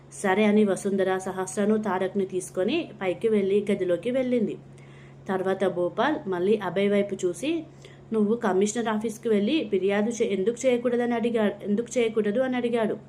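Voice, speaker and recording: A woman narrating a storybook in a steady, even reading voice, giving the dialogue only light expression. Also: medium pitch, a little hiss or hum.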